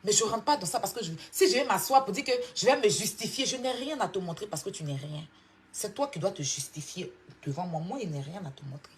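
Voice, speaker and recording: A woman with an Ivorian French accent delivers a heated live-stream rant. She scolds and mocks someone, hammering her points with insistent repetition, in a middle-pitched voice. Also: fairly quick, slight background noise. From Côte d'Ivoire. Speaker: social media personality.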